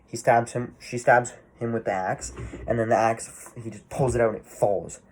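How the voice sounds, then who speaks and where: A man's voice: mid-range voice, steady tone, moderate pace, a little hiss or hum. A man giving a casual movie review, rambling and swearing freely, full of fillers and restarts.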